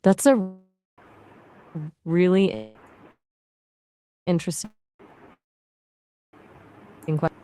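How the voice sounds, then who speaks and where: A woman's voice as an AI assistant in casual conversational chat, upbeat and chatty with quick, lively replies. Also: on the low side.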